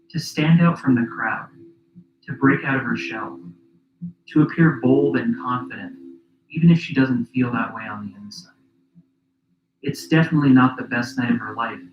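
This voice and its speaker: A man narrates a documentary podcast in a measured, reflective read. His voice sits in an ordinary middle pitch. The recording is roomy and a little muffled. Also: noisy background.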